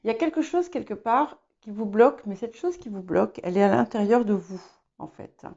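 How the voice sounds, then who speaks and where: A woman giving a spoken tarot reading, hesitant and filling pauses as she talks. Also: medium pitch, vocal fry, dark tone, muffled recording. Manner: hesitant, many fillers and restarts. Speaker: tarot reader. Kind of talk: casual spoken tarot guidance.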